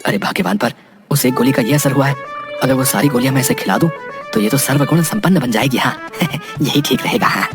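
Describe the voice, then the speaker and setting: An actor voicing a simple, scheming village husband in a cartoon, who talks to himself with chuckles and drawn-out exclamations. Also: medium pitch, music in the background, close to an everyday voice.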